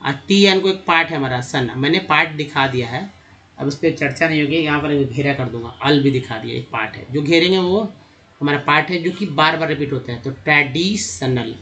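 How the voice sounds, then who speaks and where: A man teaching English reading in Hindi, asking questions and answering them himself, slowing down to sound out words and vowels. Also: on the high side, a bit bright. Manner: explains step by step, asks and answers his own questions. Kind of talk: spoken lesson on reading English.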